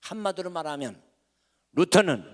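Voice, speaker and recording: A man's voice: sits high, expressive, moderate pace. A male pastor preaching a sermon emphatically, asking rhetorical questions, in a church sanctuary with long reverb.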